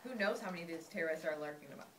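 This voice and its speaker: A young woman student playing a lazy army general who avoids fighting, talking in a quick offhand way. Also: sits low, close to an everyday voice. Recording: roomy classroom, distant mic, faint noise.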